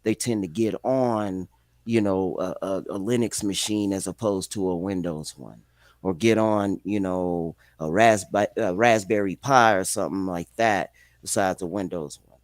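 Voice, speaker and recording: A man's voice: low voice, unhurried, no room sound. A man in casual chat who talks laid-back in street slang and swears freely.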